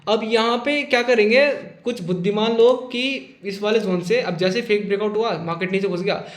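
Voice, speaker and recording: A man's voice: sits high, fairly quick, echoey room. A man teaching trading over a chart in a casual, chatty way, often checking in with "okay" and calling his listeners "brother", with a joking, teasing edge. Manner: jokey, teasing about losing traders. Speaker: trading instructor. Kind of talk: casual screen-share chart lesson.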